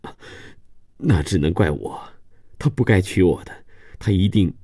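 Anxious young wife voiced by a man, pleading and quick, dry close reading. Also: low-pitched, animated, mellow, slightly rough, no echo, heavily acted.

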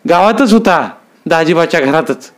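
A man voicing a terrified village servant who begs for mercy in a panicky, pleading whine, pitched high above his narrating voice. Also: animated, moderate pace, lightly acted.

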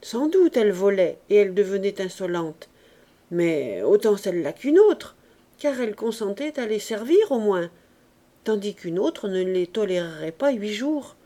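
A woman reads a classic novel aloud in a clear, measured way. Her voice has a dark, mellow warmth at a medium pitch. The narration is paced and literary. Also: expressive. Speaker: audiobook reader.

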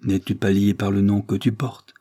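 A man's voice: fairly low pitch, little pitch movement, moderate pace, warm tone, no echo, studio quality, lightly acted. A man voicing a grieving, stern aristocratic mother as he reads a classic novel aloud, solemn and pleading.

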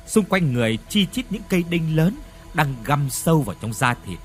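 A man narrating a ghost story in an expressive, dramatic storytelling manner. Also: on the high side, normal speed, soft background music.

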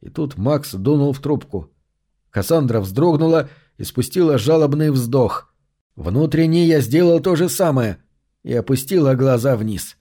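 Mellow male audiobook narrator. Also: medium pitch, lively intonation, measured pace, husky. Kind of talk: scripted first-person narration.

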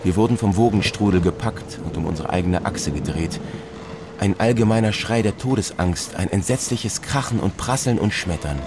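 Man, dramatic first-person narrator, low voice, very expressive, noisy old radio recording. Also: moderate pace. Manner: dramatic, storyteller's delivery.

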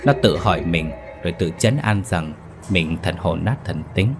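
A man narrating a scripted ghost story in a steady storytelling delivery. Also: sits low, normal speed. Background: faint music.

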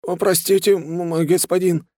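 A man's voice: on the high side, moderate pace, warm tone, dry recording, studio quality, voice pushed up, close to an everyday voice. A man voicing a frightened male thug, a former violinist, who whines and stammers as he pleads. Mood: cowed. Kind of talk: audiobook character voice.

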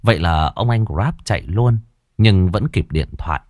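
A man with a Southern Vietnamese accent telling a ghost story in the first person, gruff and blunt, cursing casually. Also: sits low, lively intonation, moderate pace, a little mellow, no echo, clean studio sound.

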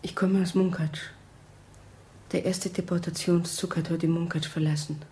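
An actress playing a young woman courier in a radio drama, speaking in a hushed, flat, reporting manner. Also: fairly low pitch, moderate pace, a little hiss or hum, close to an everyday voice. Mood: numb. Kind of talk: 1960s-style radio drama acting.

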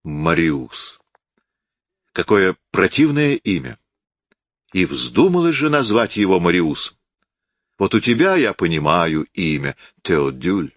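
A man's voice: low voice, big pitch swings, takes it slowly, pauses often, no echo, exaggerated voice. A man voicing a fussy, nosy elderly spinster aunt for an audiobook, with a raised, fretful tone. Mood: scornful. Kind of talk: audiobook character voice.

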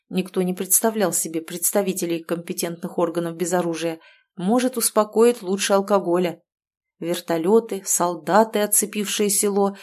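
A woman reading a novel aloud in an even, measured narration. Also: mid-range voice. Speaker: audiobook narrator. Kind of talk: scripted narration.

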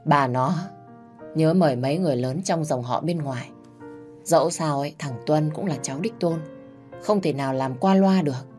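A woman doing a calm older father. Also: low voice, normal speed, soft background music, close to an everyday voice. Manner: steady, instructive.

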